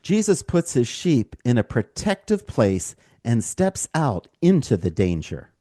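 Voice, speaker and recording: Dark-voiced man reading scripture. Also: medium pitch, very animated, unhurried, no room sound, clean studio sound. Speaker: podcast co-host, scripture reader. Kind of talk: Bible reading and discussion.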